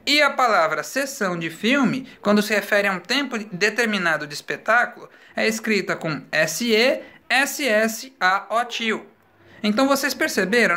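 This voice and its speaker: Bright-voiced teacher explaining slowly. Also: male voice, sits high. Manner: slow, explanatory, spells words out letter by letter. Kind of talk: recorded school lesson.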